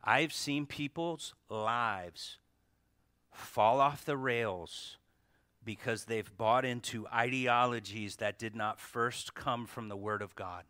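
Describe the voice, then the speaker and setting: Taking it slowly in a sharp, medium-pitched voice, a pastor preaches from the pulpit microphone, emphasizing and repeating key words and asking the congregation rhetorical questions. The audio is studio quality with no room sound.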